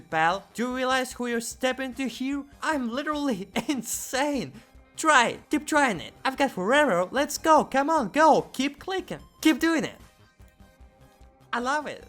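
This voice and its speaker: A man's voice: fairly bright tone, exaggerated voice. A man doing the voice of a manic, taunting male triangle demon who boasts and goads the listener. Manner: boastful, goading, shrill and jeering.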